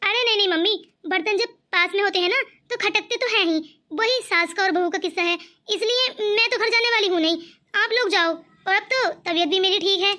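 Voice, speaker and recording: A woman voicing a gentle young daughter-in-law from a village in a cartoon, talking in an earnest, pleading way. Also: extremely high pitch, a little fast. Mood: reassuring. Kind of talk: cartoon voice acting.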